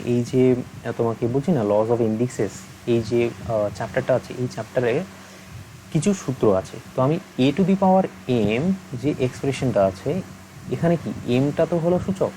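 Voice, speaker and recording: A young man gives a recorded maths lesson in a soft, mellow voice. He explains patiently and keeps asking whether the listener has understood. A faint noise runs under the recording. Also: medium pitch, rough recording. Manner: patient, asks many check-in questions. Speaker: maths teacher.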